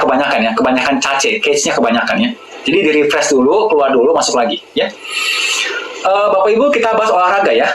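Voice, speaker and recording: A man's voice: on the high side, a bit bright, echoey room, a little hiss or hum, poor audio. A man hosting a live-stream health talk, lecturing his viewers directly and repeating key words for emphasis.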